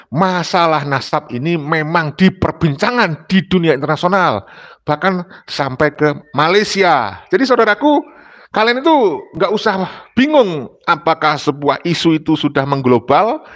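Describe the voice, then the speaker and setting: A man's voice: fairly high pitch, lively intonation, normal speed, fairly bright tone. A man from Indonesia speaking emphatically in a panel discussion, lecturing and repeating his points. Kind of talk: discussion talk.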